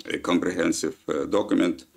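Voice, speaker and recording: A man from Kazakhstan with a Kazakh accent, giving a formal lecture in a halting way with many filler sounds. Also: sits low, fairly even intonation, creaky. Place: lecture hall.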